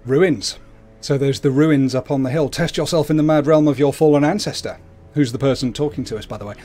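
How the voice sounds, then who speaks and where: Sitting indoors at a computer on webcam, a man hosts a livestream and casually explains the video game he's playing. His medium-pitched voice is mellow and brisk.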